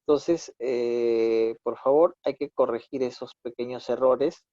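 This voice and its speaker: A man's voice: mid-range voice, a little slow, warm tone, no room sound. A male instructor with a Peruvian Spanish accent runs an online class, correcting his students' work with patience. His voice comes through a dull, dry computer microphone. He keeps checking in with the students as he talks. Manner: corrective, patient, repeats "¿no?" often. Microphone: computer mic on a video call. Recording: dull dry video-call audio.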